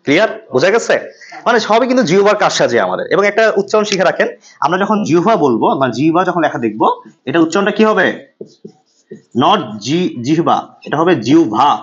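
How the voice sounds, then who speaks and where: A man from Bangladesh leads a pronunciation class, his voice sitting a little high. He drills each sound aloud and keeps asking the class if they follow. The classroom recording is slightly muffled. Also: big pitch swings, fairly quick. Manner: drills sounds aloud with repetition and quiz questions. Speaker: pronunciation instructor. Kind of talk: classroom lesson.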